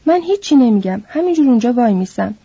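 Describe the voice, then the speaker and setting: A woman voicing a big, simple-minded, childlike farmhand man who talks in a slow, pleading way. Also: on the high side, sing-song, warm tone, slightly rough, heavily acted. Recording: dull lo-fi recording.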